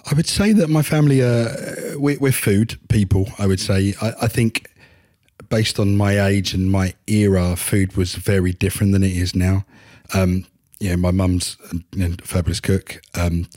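A man's voice: low-pitched, fairly even intonation, moderate pace, a little mellow. A man in his forties with an Essex accent, chatting casually as an interview guest, often dropping in "you know". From Essex, England. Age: 40s. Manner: conversational, peppered with "you know". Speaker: podcast guest, chef consultant.

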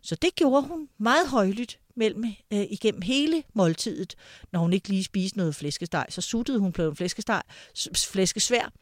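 A woman's voice: mid-range voice, animated, no echo, clean studio sound. A woman telling a personal family anecdote in a casual, hesitant way, with fillers between phrases. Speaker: storyteller. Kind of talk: personal anecdote told aloud.

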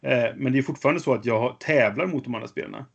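A man co-hosting a casual board game news chat. He speaks in a measured, hesitant way, with a mildly cynical edge. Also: medium pitch, gravelly, slightly rough, dull audio. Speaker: podcast co-host.

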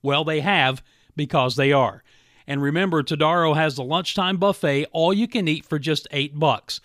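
A man's voice: fairly high pitch, normal speed, a bit bright, no echo, studio quality. A man reading a scripted advertisement in a chipper, emphatic sales style as a radio host. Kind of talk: upbeat scripted advertisement read.

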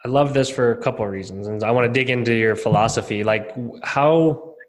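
A man's voice: mid-range voice, fairly quick, rough recording. A man hosting a casual interview in an informal, agreeable way, often affirming his guest. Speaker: interview host.

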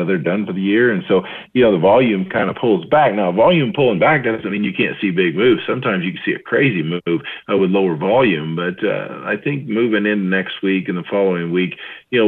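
A man talking over the phone as a market analyst guest, giving casual commentary with many fillers and restarts. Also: low-pitched. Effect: heard over the phone. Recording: tinny phone line.

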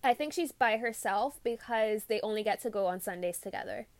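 A young woman chatting casually on a book podcast, animated and often laughing. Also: mid-range voice, no room sound. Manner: giggly, animated, quick to laugh.

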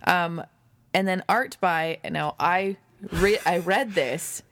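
A woman's voice: lowish voice, slow, fairly bright tone, no echo. A woman co-hosting a board game podcast in casual chat, talkative and a little self-deprecating. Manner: chatty, apologetic, self-deprecating.

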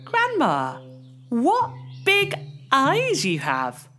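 A woman's voice: high voice, wildly swooping pitch, very slow, pushed and bright, faint music behind, exaggerated voice. A woman voicing a brave little girl in a storybook, asking questions with wonder.

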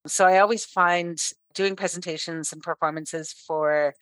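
Woman, middle-aged, from Canada, interview guest, lowish pitch, dry sound, lively, laughs a lot. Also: measured pace, dry recording. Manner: lively storyteller, laughs often. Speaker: guest, throat singer. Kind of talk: casual interview chat.

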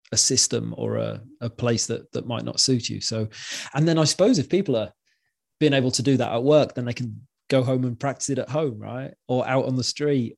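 A man with a mid-pitched voice hosts a relaxed interview podcast. He talks informally and chattily, affirming his guest and checking in with little tag questions. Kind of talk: casual conversational interviewing.

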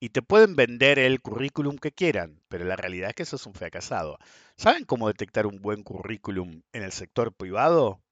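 A man's voice: fairly low pitch, big pitch swings, a little fast, dry recording, lo-fi sound. A man in his fifties with an Argentine accent, hosting a podcast and giving a blunt, sarcastic, swear-laden monologue. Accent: Argentine Spanish (Rioplatense). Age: 50s. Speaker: podcast host. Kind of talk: opinionated monologue.

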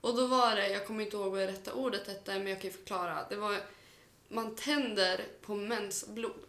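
A woman's voice: medium pitch, steady tone, a bit bright, echoey room. A woman co-hosting a casual podcast chat, swearing freely and laughing often. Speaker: podcast co-host.

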